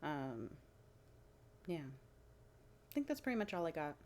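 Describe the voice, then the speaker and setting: Slow-talking low-voiced young woman vlogging. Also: sing-song, a little mellow, slight background noise. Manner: rambling, many fillers and restarts; hiccuping and clearing her throat. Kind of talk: casual fitness vlog update.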